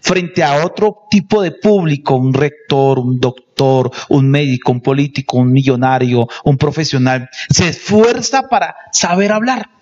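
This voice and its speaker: A man's voice: fairly high pitch, measured pace, few pauses, a little mellow. A man co-leading a lecture on family life, earnestly piling up examples and asking questions. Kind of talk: live lecture to an audience. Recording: dull lo-fi recording.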